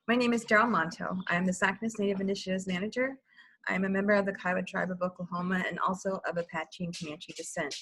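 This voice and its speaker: Over a video call, a woman who serves as webinar host and program manager reads a formal, scripted welcome and the ground rules. Her voice is husky and medium in pitch, and the recording quality is low.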